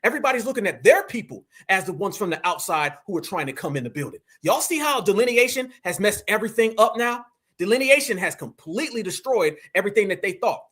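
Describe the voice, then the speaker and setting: High-voiced combative male livestream host. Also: sing-song, quick pace, sharp tone, slightly rough. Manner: combative, preachy, addresses the audience as family and y'all. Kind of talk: political commentary livestream.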